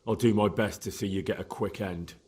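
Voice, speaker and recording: An actor playing a calm young man who questions a prisoner in a game, speaking in a measured way. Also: fairly low pitch, soft background music, lightly acted. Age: young adult.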